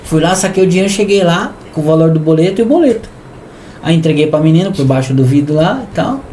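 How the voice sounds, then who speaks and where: A Brazilian man speaking Brazilian Portuguese, telling a faith story as a podcast guest. His voice sits a bit high but sounds dark and mellow. He acts out the dialogue lively, with faint background noise. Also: quick pace. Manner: lively storyteller, often addresses the host as "irmão", acts out dialogue. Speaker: podcast guest, business founder. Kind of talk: animated testimony storytelling.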